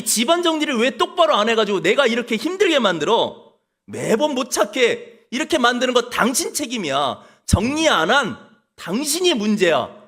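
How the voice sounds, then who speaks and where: A man's voice: very high-pitched, sharp tone, voice pushed up, heavily acted. A preacher acting out a husband who complains and blames his wife over lost car keys. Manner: complaining, blaming, raised voice.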